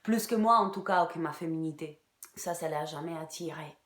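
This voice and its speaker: A woman's voice: sits low, fairly quick, a bit bright, echoey room. A woman playing a bitter, crude Irish woman. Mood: sardonic. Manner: crude, sardonic, drops to whispers. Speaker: actress in a one-woman show. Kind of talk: theatre monologue.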